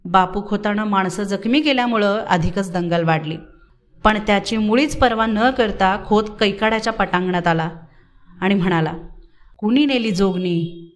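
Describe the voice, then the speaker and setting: A woman narrating a novel as an audiobook, with steady, expressive storytelling. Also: mid-range voice, normal speed. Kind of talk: dramatic novel reading.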